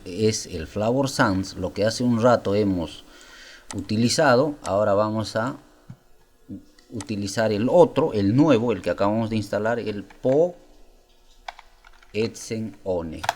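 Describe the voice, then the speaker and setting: Man explaining a software tutorial. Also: lowish voice, lively intonation, measured pace. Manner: explanatory, addresses viewers directly with rhetorical questions. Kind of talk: screen-recorded software tutorial.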